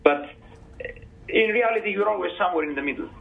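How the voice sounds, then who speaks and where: A man on a panel explaining his answers to audience questions in a measured, careful way. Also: high voice, creaky. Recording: tinny phone-like sound.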